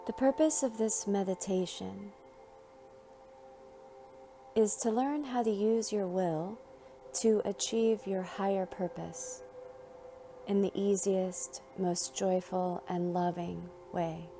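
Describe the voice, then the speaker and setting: A woman guides a meditation in a soft, calming voice, taking her time and leaving long gaps between phrases. Her pitch sits mid-range and her tone stays steady, with faint music playing behind her.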